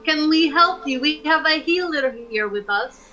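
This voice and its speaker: A woman's voice: sits high, lively intonation, a little slow, pushed and bright, lo-fi sound, faint music behind. A woman playing a tabletop game, speaking in a hesitant, tentative way. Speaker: player. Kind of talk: casual tabletop game play.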